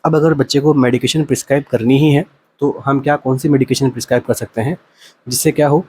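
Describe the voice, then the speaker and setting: A male nursing exam coach explaining multiple-choice answers, asking rhetorical questions, answering them himself, and reading the English options out slowly. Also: medium pitch, fairly even intonation, darkish tone, slight background noise.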